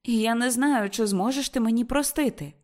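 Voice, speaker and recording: Woman reader playing a young woman in love, pitched up, trembling, pleading; audiobook. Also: normal speed, close to an everyday voice. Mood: pleading, excited. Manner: excited, high and trembling.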